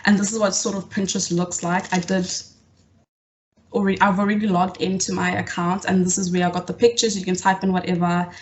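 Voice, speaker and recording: A young woman facilitating an online coding workshop over a video call, often pausing with fillers and restarting her sentences. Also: lowish voice, level tone, slight background noise. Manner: hesitant, lots of fillers and restarts. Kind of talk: live online coding tutorial.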